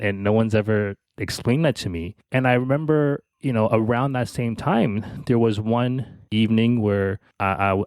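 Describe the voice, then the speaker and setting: Low-voiced man telling a personal story. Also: dry recording. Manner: halting, many restarts, soft laughs. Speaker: podcast co-host.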